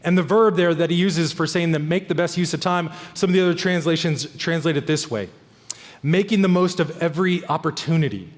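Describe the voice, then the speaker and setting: A man's voice: on the high side, fairly quick, long reverb tail. A male pastor preaching a sermon in an earnest, emphatic way, repeating key phrases. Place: church sanctuary.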